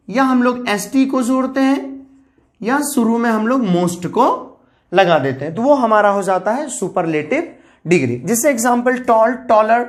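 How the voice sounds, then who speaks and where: A woman with a fairly high voice teaches a grammar lesson in an explanatory, step-by-step way. She repeats each key term and spells words out letter by letter, calling her viewers guys. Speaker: English teacher.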